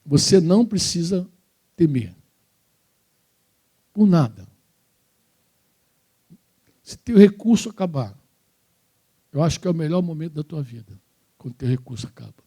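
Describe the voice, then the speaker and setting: A male pastor with a Brazilian Portuguese accent delivers a sermon in a church. He tells his story in an animated, informal way full of slang. His voice is high for a man, with a dark, mellow tone. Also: measured pace, long pauses, slightly rough.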